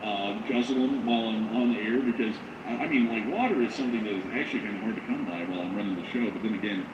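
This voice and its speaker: A man's voice: lowish voice, fast. A man with a big radio-announcer, sportscaster-like voice, hosting a live news stream and talking nonstop as he thanks supporters. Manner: talks nonstop, avoiding dead air. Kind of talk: livestream reading and thanking supporter messages. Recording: roomy, dull lo-fi, clear background noise.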